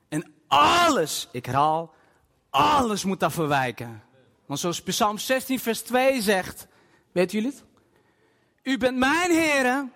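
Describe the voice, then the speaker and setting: A man preaching a sermon to a congregation in a church hall, emphatic and animated, with bursts of loud emphasis and English phrases dropped in. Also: high voice. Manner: scatters English phrases into his talk. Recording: long hall reverb.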